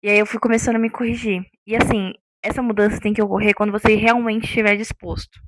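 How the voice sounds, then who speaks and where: A woman's voice: medium pitch, level tone, fast talker, fairly bright tone, dry recording. A woman, talking unscripted to her viewers in a casual vlog and checking in with them often. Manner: chatty, checks in with listeners often. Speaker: vlogger.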